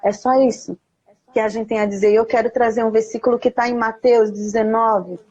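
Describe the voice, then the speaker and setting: A woman speaking earnestly and encouragingly on a live video call, giving parents advice and reading scripture slowly. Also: fairly high pitch, steady tone, darkish tone, highs cut off. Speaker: invited guest speaker. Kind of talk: casual live chat with teaching tips. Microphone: phone or laptop on a live video call.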